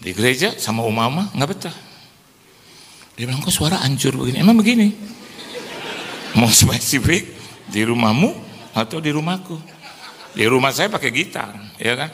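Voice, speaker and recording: A man's voice: medium pitch, normal speed, pauses often. A man preaching a humorous sermon, telling stories and acting out other people's voices, laughing often. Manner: animated, acts out quoted voices, laughs often. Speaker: pastor. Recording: hall reverb with faint noise.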